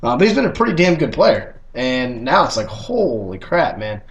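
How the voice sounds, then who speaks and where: A man's voice: mid-range voice, big pitch swings, a little fast. A young man hosting a casual sports podcast, blunt and teasing, swearing freely as he talks. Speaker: podcast host.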